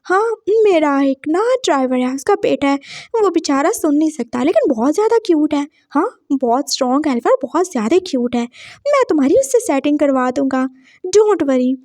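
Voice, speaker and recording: A woman's voice: high voice, very animated, moderate pace, darkish tone, no echo, studio quality. A woman doing a taunting cocky college guy. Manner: taunting, teasing. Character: mocking cocky young male college student.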